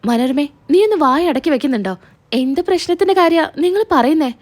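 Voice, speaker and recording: A woman's voice: sits high, animated, fairly quick, a little mellow. Woman reading as an indignant protective father. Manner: indignant, defensive.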